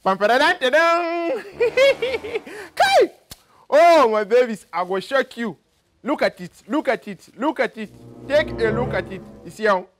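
A man's voice: sits high, animated, normal speed, slight background noise. A man speaking Nigerian Pidgin in a comedy skit, boastful and theatrical, full of exclamations. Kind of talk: comic skit acting.

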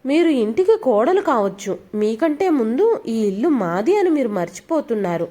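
Woman doing a timid old father-in-law, soft pleading tone, lively up and down voice, storybook. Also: a little high, normal speed. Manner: gentle, pleading. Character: meek elderly father-in-law, pleading gently.

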